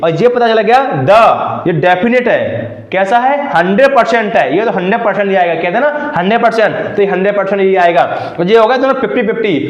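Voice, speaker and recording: High-voiced male teacher in an echoey room. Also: dull audio. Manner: repeats questions and answers them himself. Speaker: English teacher. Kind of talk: classroom lesson.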